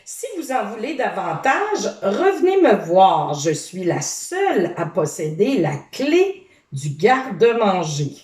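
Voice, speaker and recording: A woman's voice: medium pitch, very animated, takes it slowly, darkish tone. A woman reading aloud, voicing a firm female school cook. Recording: roomy, distant from the mic.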